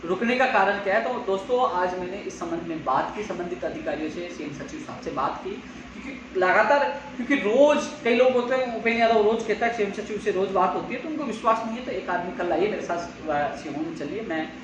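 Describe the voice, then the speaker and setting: A man's voice: sits high, animated, fairly quick. A man hosting a live update stream, addressing his followers insistently. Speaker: host of a live update stream for job seekers. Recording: echoey room, far from mic, faint noise.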